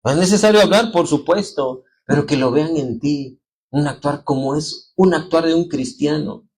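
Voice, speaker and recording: A man with a Mexican Spanish accent, preaching a sermon as pastor, telling lively stories and calling his listeners brothers and sisters. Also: fairly high pitch, normal speed. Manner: animated storytelling, acting out quoted voices.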